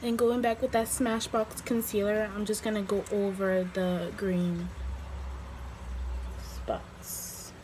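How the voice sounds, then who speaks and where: A woman giving a casual, chatty makeup tutorial, her voice slightly hoarse as it recovers from being lost. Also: mid-range voice, flat delivery, moderate pace, hardly any pauses, background noise. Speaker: beauty vlogger.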